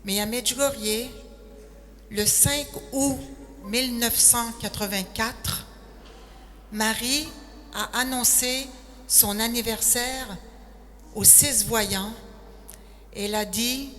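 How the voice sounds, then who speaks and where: Slow older woman with a Québécois accent. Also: on the high side, a bit bright. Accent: Québécois French. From Quebec City, Canada. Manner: slow, unhurried storytelling, sentences often starting with 'alors'. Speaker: speaker giving a faith testimony. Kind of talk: personal testimony talk. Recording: echoey hall with faint noise.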